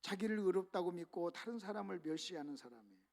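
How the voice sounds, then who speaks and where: Very high-voiced preaching man. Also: quick pace, vocal fry. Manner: preaches with rhetorical questions, often addressing the congregation directly; swings between loud emphatic passages and low, quiet ones. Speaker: pastor. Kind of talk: sermon.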